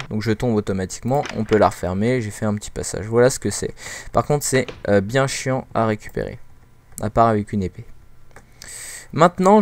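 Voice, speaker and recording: A man chats his way through a game walkthrough as host, in an informal, hesitant manner full of fillers. His voice is smooth and clear at an average pitch. The sound is dry and close, with no room around it. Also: dry recording. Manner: chatty and informal. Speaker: gaming video host. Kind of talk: casual game walkthrough commentary.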